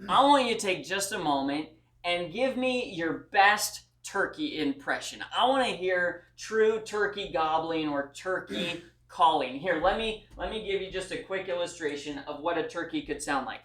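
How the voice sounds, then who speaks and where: A man's voice: high voice, lively intonation, normal speed, fairly bright tone. A man giving a class presentation speech in a folksy, earnest way and speaking straight to his audience. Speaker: student speaker. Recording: echoey room.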